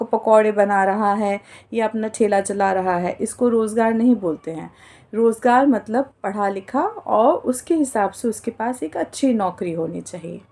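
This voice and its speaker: A woman's voice: a little high, dark tone. A woman giving an earnest explainer monologue, defining terms and mixing in English words as she goes. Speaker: political commentator.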